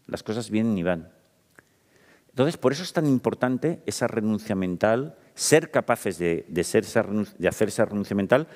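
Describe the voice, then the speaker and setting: Chatty Spanish psychologist in a reverberant hall. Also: male voice, fairly low pitch, lively intonation, normal speed, darkish tone. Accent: Spain Spanish. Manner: informal, chatty, addresses the audience directly with frequent tag questions. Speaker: psychologist giving a public talk. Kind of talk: lively public talk. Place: municipal event hall.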